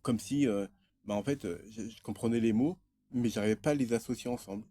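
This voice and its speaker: A French vlogger in his thirties delivers a rambling, hesitant personal monologue packed with fillers and restarts. His voice is on the low side and warm-toned, moving fairly quickly.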